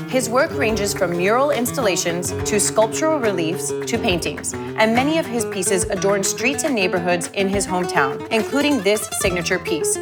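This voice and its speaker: A woman from Miami hosting a travel and lifestyle show, giving scripted narration and interview questions in an upbeat, polished presenter's delivery. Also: medium pitch. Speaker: host.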